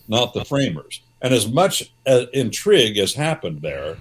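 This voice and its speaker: A man's voice: medium pitch, sing-song, unhurried, slightly rough. A man guest on a call-in talk show, talking in a rambling, emphatic way that repeats itself, heard over an internet call connection that clips and distorts. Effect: clipping, distorted internet call connection. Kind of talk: casual opinionated talk.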